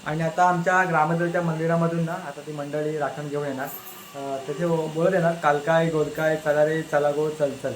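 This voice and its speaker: A man with a Konkan Marathi accent chats to his viewers, hesitant and full of fillers, his voice a touch high for a man. He films on a handheld phone at his village home. A faint hiss of outdoor noise sits under his voice. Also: little pitch movement, a little fast, poor audio. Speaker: village vlogger. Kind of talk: casual vlog narration.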